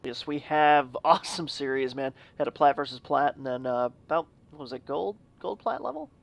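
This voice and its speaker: A man co-casting a live video game match, enthusiastic and quick to laugh. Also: mid-range voice, creaky. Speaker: esports co-caster.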